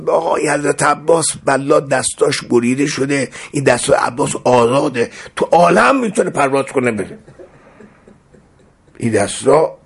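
A male preacher telling a sermon story with dramatic swings, his voice gravelly and rough with fry. It sounds husky and strained, and it leaps up high in the emotional moments. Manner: dramatic retelling with sudden high emotional outbursts.

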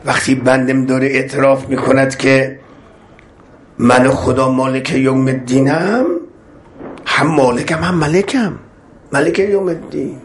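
A man's voice: medium pitch, slight background noise. A man preaching a sermon, repeating phrases with rising emphasis and chanting Arabic verses.

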